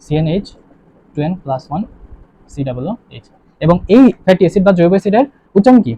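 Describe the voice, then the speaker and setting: Young male tutor, quick and mellow, quizzes students constantly. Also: a little high, big pitch swings. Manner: asks the class questions and repeats answers. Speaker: chemistry teacher. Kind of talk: online lesson. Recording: dull lo-fi recording.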